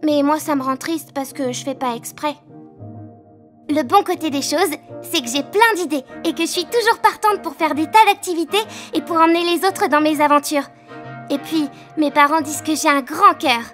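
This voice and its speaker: A woman voicing Pêche, an energetic, excitable little girl in a children's audio story, talking fast and loud. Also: high voice, soft background music. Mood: excited chatty.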